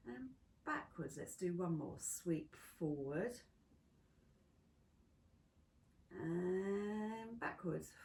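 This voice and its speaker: A woman instructor leading a pilates class, counting down reps and giving steady step-by-step cues. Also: low voice, creaky, slight background noise. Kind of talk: guided exercise class cueing. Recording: echoey room from a distance.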